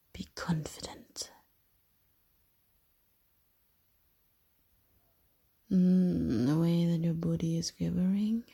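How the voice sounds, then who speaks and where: A woman voicing a seductive, menacing goddess of love and fire in a whispered roleplay, speaking in a slow, teasing hush. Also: fairly low pitch, exaggerated voice. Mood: soothing. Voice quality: breathy whisper. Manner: slow, teasing, hushed and intimate.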